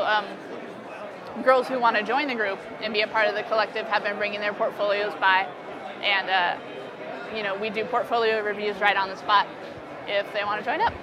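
Crowd noise from a busy convention hall fills the background as a young adult American woman speaks from an indoor expo booth. Her slightly high voice carries a casual, informal interview style, like an artist explaining her work to an interviewer.

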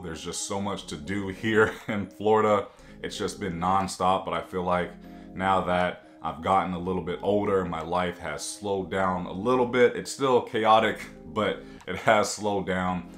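A man in his thirties, a vlogger chatting casually to camera from his home office, gesturing a lot as he talks. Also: sits low. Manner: animated, gestures a lot with both hands. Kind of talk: casual to-camera vlog chat.

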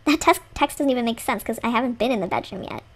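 A woman's voice: fairly high pitch, expressive, fast talker. A woman chatting casually as she plays a game, commenting on herself. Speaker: let's play host. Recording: loud background noise.

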